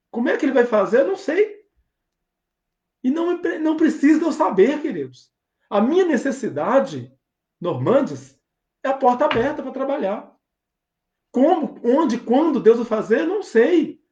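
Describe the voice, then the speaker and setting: A man's voice: extremely high pitch, darkish tone. A man with a Brazilian Portuguese accent preaching a sermon as pastor, fervent and emphatic, with rhetorical questions. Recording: roomy, dull lo-fi sound.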